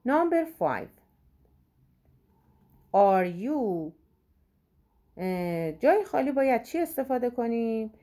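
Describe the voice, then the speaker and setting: Warm-voiced woman teaching English exam answers. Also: mid-range voice. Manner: reads English words slowly, explains quickly in Persian.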